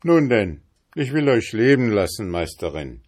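A man's voice: on the low side, big pitch swings, unhurried, darkish tone, voice pushed up. A man voicing a bold young journeyman in a read-aloud fairy tale, firm and stern. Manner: firm, angry, raised voice.

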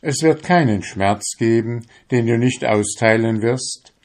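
A man's voice: medium pitch, unhurried, a little mellow. A man voicing a heartless male soul that coaxes and commands in a storybook reading. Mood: coaxing. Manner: coaxing, insistent.

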